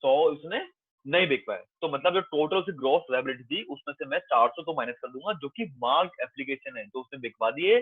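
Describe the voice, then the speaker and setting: A man's voice: mid-range voice, a little fast, husky, dry recording. A male commerce teacher, lecturing a class in a coaxing, reassuring way and repeating points often. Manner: coaxing, calls students 'beta', reassuring and repetitive. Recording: dry, tinny phone-like sound.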